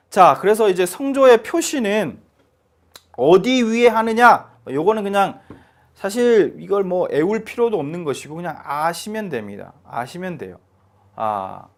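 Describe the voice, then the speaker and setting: 텔레비전 중국어 강좌에서 성조를 힘주어 설명하며 소리를 직접 시범으로 보여 주는 남성 강사. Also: male voice. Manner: animated, emphatic, sings pitch demonstrations. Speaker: Chinese language teacher. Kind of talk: televised language lesson.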